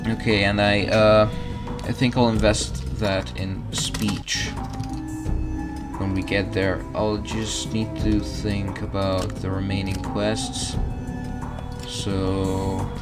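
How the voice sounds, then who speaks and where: A man's voice: lowish voice, level tone, takes it slowly, loud music behind the voice. A man giving casual gaming commentary as a streamer, talking to viewers while he plays. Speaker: game streamer.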